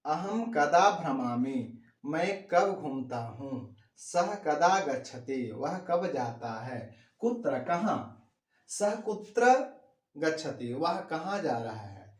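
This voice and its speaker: Man, Sanskrit teacher, slightly high voice, unhurried delivery, patient step-by-step explanations, reverberant room. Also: expressive. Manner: reads a Sanskrit sentence, then gives its meaning in Hindi; repeats key words with rising emphasis. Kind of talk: classroom lesson explaining grammar.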